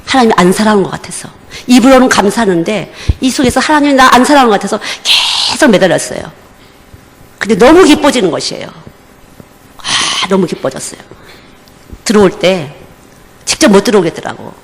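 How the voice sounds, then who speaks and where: A woman's voice: medium pitch, sing-song, fairly quick, long pauses. Woman preaching in a reverberant church. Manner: emphatic, repeats short phrases. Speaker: missionary preacher. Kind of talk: sermon. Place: church during a Wednesday service.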